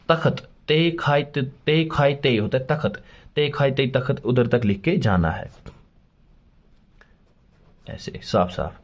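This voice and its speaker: Patient male teacher spelling out letters. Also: medium pitch. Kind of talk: children's alphabet lesson.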